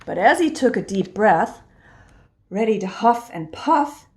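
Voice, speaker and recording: A woman reads a children's storybook aloud in an expressive storytelling style. Her mid-range voice moves at a measured pace, and the recording has an echoey room sound.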